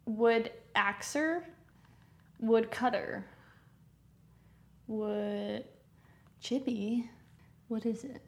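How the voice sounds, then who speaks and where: A young woman co-hosting a podcast in casual chat, playful and quick to laugh. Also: a little high, reverberant. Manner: giggly, chatty, playful. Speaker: podcast co-host.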